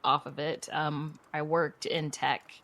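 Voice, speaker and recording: Answering interview questions casually, a woman podcast creator and writer tells stories in a chatty way and laughs easily. She has a deep voice that is a bit bright, with a slow pace and flat delivery.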